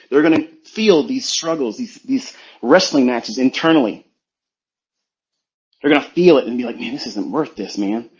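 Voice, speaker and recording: A man's voice: a little high, a little mellow. Blunt, preachy man on a muffled stream. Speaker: trading coach. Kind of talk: motivational talk on a live audio space.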